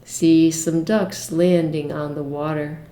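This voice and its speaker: In a low, steady voice, a woman guides an imagery-based meditation, speaking gently and soothingly with long pauses. The sound is reverberant.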